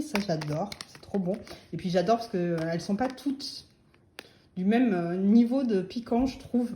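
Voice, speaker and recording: A woman's voice: on the high side, a little mellow. A middle-aged woman chatting casually about her shopping, hesitant and full of fillers, often laughing at herself. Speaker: vlogger. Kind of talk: casual haul vlog chat. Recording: echoey room with faint noise.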